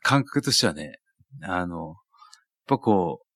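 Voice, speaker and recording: Low-voiced man in relaxed chat. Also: measured pace, no room sound, clean studio sound. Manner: relaxed, chatty, drops asides and jokes. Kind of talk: casual chat about wrestling.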